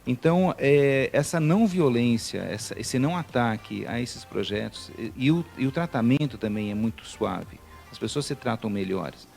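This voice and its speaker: Brief: middle-aged Brazilian male teacher, gravelly voice, hesitant TV guest, faint music behind. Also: medium pitch, lively intonation, moderate pace, few pauses, a little mellow. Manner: hesitant, frequent fillers and restarts. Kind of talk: TV studio interview.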